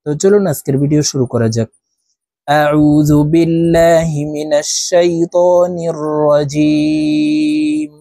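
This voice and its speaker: A man teaching a reading lesson, spelling out syllables one by one and drawing recited words out slowly. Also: a little high, mellow, husky, dry recording.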